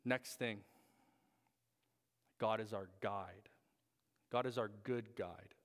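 A man's voice: lowish voice, takes it slowly. Young man preaching in a reverberant hall. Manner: storytelling, with fillers and restarts. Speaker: pastor. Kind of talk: sermon.

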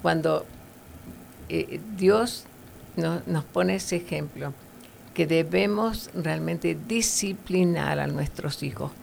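A woman's voice: lowish voice, gravelly, darkish tone, slight background noise. A woman giving earnest, conversational Bible teaching, with fillers and tag questions.

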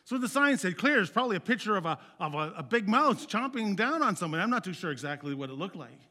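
A male pastor preaching a sermon in an earnest, conversational way, swinging from loud emphatic peaks to quiet, low phrase endings. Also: big pitch swings, fast talker.

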